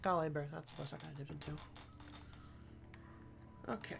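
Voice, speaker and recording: A man's voice: a little high, fairly even intonation, moderate pace, vocal fry, fairly bright tone, faint music behind. A man casually commenting as he plays a game, muttering self-deprecating asides. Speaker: game streamer.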